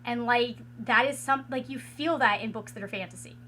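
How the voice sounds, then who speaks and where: A woman with a hoarse, raspy voice after losing it to illness, chatting casually at home as a book reviewer, rambling with many fillers and restarts. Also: fairly high pitch, brisk, bright, forceful tone, slight background noise. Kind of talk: casual vlog chat. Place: at home with a ring light.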